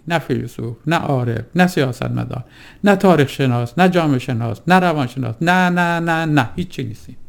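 A man giving a reflective religious talk in a deliberate, rhetorical way, piling up lists and questions. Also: on the high side, gravelly.

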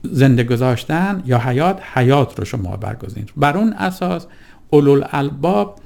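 A man giving a reflective religious talk in a deliberate, rhetorical way, piling up lists and questions. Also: medium pitch, animated, vocal fry, darkish tone.

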